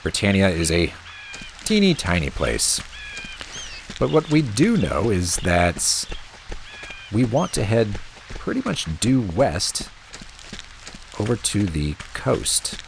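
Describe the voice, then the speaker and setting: A man casually commentating a video game he is playing, thinking aloud in a relaxed, wry way. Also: on the low side, slow, gravelly, long pauses. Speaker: let's play host. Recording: audible rain noise behind voice.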